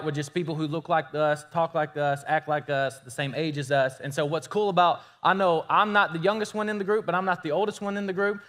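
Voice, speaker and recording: A man in his thirties, a youth pastor, speaking to a youth group in an energetic, teasing way. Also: sits high.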